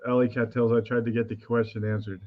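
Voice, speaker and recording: A mid-pitched man comes through slightly dull, muffled call audio. He chats casually on a livestream panel, teasing the others and reading chat questions aloud in a loose, bantering way. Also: level tone, fast.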